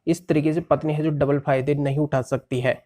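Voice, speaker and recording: A man's voice: a little high, little pitch movement, fairly quick, dark tone. A male lawyer explaining a court ruling step by step and rephrasing legal terms in plain words.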